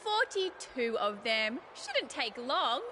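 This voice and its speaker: A woman's voice: a little high, very animated, slow, bright, forceful tone, slight background noise, heavily acted. A woman voicing an arrogant young wrestler, speaking in a condescending, snide way. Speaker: talk show co-host in a wrestling game.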